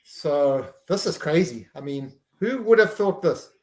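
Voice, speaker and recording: Man, casual live match commentary, chatty, reacts to every play, slightly high voice, roomy echo. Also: animated, measured pace, darkish tone. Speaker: live stream host.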